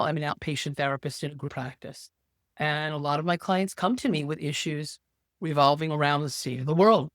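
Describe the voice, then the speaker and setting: A woman's voice: low voice, no echo. Older woman, emphatic storyteller, dry sound. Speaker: podcast guest, social worker and therapist. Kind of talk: casual interview conversation.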